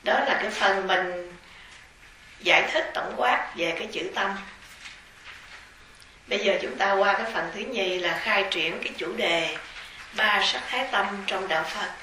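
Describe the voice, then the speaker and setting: A Buddhist nun's bright, clear voice rings out in a large, strongly echoing temple hall, caught from a distant mic. She explains things slowly and methodically, like a teacher, and a faint hiss sits underneath. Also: medium pitch. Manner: measured, explanatory, spelling out terms. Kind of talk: dharma lecture.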